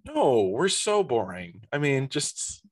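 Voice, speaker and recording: A man co-hosting a comedy podcast, joking in quick casual banter into a handheld microphone. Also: medium pitch, sing-song, breathy edge. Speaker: podcast co-host.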